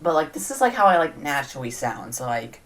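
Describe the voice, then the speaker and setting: A woman co-hosting a podcast, talking casually in a soft, hesitant way. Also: low voice, sing-song, fast talker, a little hiss or hum. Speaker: podcast co-host.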